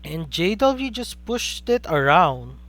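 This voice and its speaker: A young Filipino man with a high-pitched, slow voice and a Filipino accent calls live play-by-play on a card game stream. He gets excited, throws out rhetorical questions, and chats with his viewers.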